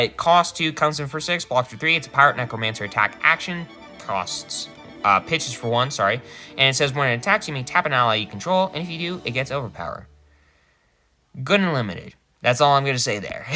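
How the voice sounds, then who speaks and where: Man, casual card review, animated, laughs often, corrects himself mid-sentence, bright tense voice, swinging pitch.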